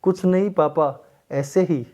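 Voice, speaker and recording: A man's voice: on the high side, takes it slowly, warm tone. A man voicing a shy young daughter-in-law who answers timidly, in a storybook tale. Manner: flustered and shy.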